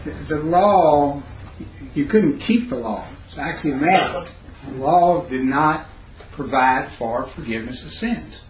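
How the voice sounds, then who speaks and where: In an indoor classroom, a hoarse, raspy-voiced man with a fairly high, animated delivery leads a Bible class, stopping haltingly to question his students. It's a roomy recording with faint noise, made on a recorder placed close to him.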